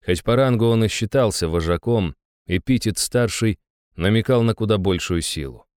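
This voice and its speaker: A man narrating a first-person fantasy audiobook in an even, measured way, close to the mic. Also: lowish voice, clean tone, no room sound.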